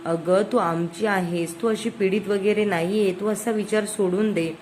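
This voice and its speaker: A woman's voice: medium pitch, fairly even intonation, normal speed, darkish tone, a little hiss or hum, natural voice. A woman voicing a tearful, protective sister-in-law in a serial recap, in a plain retelling voice. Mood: pleading.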